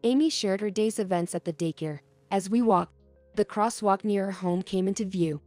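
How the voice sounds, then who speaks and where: A woman's voice: mid-range voice, normal speed, a little mellow, no room sound, soft background music. Woman narrating a heartfelt story. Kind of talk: scripted first-person story narration.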